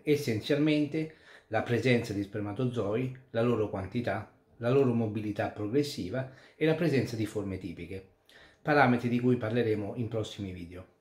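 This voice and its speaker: A man, a urologist and andrologist, calmly explaining a medical topic step by step to viewers. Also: lowish voice, normal speed. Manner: calm, methodical, explanatory with occasional restarts. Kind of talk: explainer talk to camera. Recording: echoey room.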